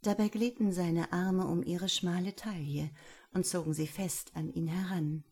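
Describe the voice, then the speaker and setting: A woman reading a novel aloud in calm, measured scripted narration. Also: on the low side, breathy edge. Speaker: audiobook narrator.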